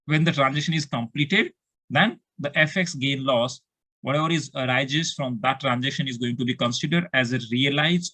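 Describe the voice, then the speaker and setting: The recording is rough, capturing a man with a mid-range, sharp-toned voice and an Indian accent as he gives a step-by-step accounting tutorial. He asks questions and then answers them, frequently repeating himself.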